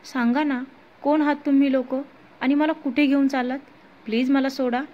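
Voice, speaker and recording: A woman's voice: sits high, fairly even intonation, moderate pace, lightly acted. A woman voicing a hurt, tearful young wife who pleads emotionally, on a muffled lo-fi recording. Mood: frightened pleading. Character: hurt young wife confronting her husband, then a terrified captive.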